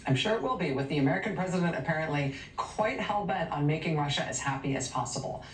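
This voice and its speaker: A woman's voice: sits low, lively intonation, quick pace, echoey room, distant mic, a little hiss or hum, poor audio. Sardonic woman hosting a news show. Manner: sardonic, emphatic delivery. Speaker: news host. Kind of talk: cable news monologue.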